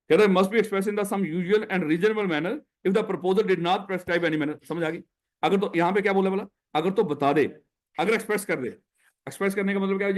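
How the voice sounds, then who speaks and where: A man with a Pakistani Urdu accent lecturing a class on contract law, repeating rules and quizzing his students, whom he calls his children, mixing in English legal terms. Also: fairly high pitch. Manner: repeats key points, quizzes students with questions. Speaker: accountancy lecturer.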